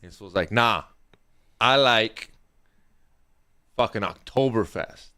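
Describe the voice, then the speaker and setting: A man's voice: fairly low pitch, a little slow. A young man telling a slangy, profane story in a casual podcast chat. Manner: slangy, profane, animated retelling. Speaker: podcast co-host.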